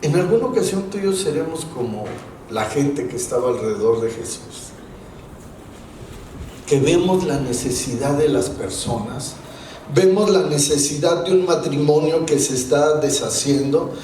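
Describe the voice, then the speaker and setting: A man's voice: a little high, lively intonation, normal speed, warm tone. A man with a Mexican Spanish accent preaching a sermon as pastor, asking the congregation rhetorical questions and building up emphasis. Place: church meeting hall. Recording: very echoey hall, voice from far off, faint room noise.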